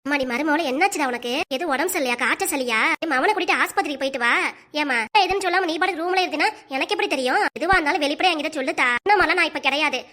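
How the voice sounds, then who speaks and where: A woman's voice: sits high, rapid-fire, sharp tone. A woman voicing a fussy, talkative older mother-in-law in a cartoon, with a southern Tamil accent. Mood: fussing. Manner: emphatic and talkative.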